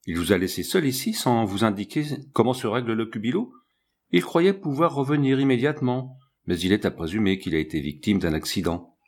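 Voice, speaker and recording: A man voicing a huge, strong, unruffled man in an audiobook, brisk and husky. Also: on the low side, lively intonation, a little mellow.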